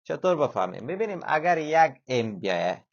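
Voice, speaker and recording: A man teaching a language lesson, patiently repeating example words slowly several times. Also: medium pitch, big pitch swings, gravelly. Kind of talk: classroom-style language lesson. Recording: slightly dull lo-fi sound.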